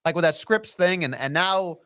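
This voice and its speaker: A man co-hosting a podcast with joking, profane chatter. His voice is high and swings widely in pitch as he talks. It is a loose, casual conversation. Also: animated, moderate pace, sharp tone, smooth. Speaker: podcast co-host. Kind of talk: casual wrestling chat.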